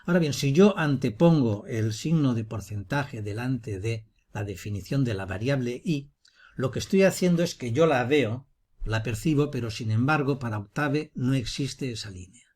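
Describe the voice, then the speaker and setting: A man teaching, talking through a screencast software tutorial step by step in an explanatory manner. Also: medium pitch, animated, moderate pace.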